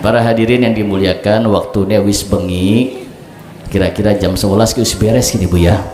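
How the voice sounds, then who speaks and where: Joking preacher, echoey hall. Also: male voice, on the low side, fairly even intonation, moderate pace. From Cirebon, Indonesia. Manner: joking, banters with the audience. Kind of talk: religious sermon at a gathering. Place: evening religious gathering. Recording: echoey hall with faint ambient noise.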